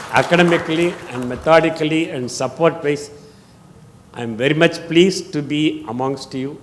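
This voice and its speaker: A man with a South Indian accent gives a closing speech as a senior conference speaker. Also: mid-range voice. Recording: reverberant conference hall.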